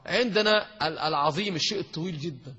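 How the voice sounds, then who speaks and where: A man gives a grammar lesson in a lecture hall, his voice bright and a little husky. He keeps quizzing the class and teasing the students. The recording is lo-fi, with a long reverb tail from the hall. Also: on the high side, quick pace. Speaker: sheikh teaching Arabic grammar.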